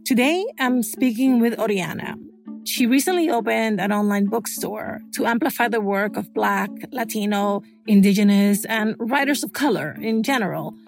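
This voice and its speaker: Woman host reading a scripted intro, bit of vocal fry, music under her. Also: mid-range voice, normal speed. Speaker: podcast host.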